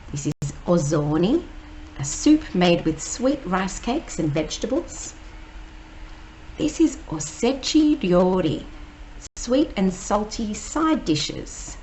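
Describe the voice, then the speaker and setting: A woman teacher, reading a picture book aloud slowly and explaining each word. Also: on the low side, darkish tone, slight background noise, poor audio. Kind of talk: read-aloud storytime.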